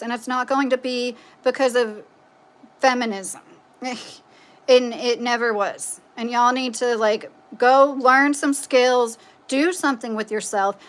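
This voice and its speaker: A Kentucky-born livestream host goes through viewer comments in a loose, casual chat, offering rambling opinions peppered with "like" and "you know." She speaks with a nasal, fairly high-pitched and fairly bright voice.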